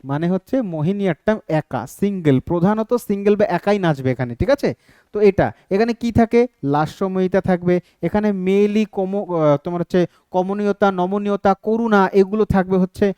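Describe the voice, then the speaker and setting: A man with a fairly high, clear voice gives an exam-prep lecture, walking through each point and pausing often to check that the students follow. The sound is close and dry, with almost no room echo. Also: warm tone. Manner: explains step by step, keeps asking "ঠিক আছে?". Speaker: teacher.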